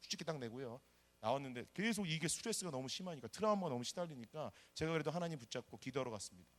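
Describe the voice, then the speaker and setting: A middle-aged man from South Korea, a pastor preaching a sermon and telling his own story, animated and acting out the people he quotes. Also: on the high side, very fast. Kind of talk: sermon with personal testimony.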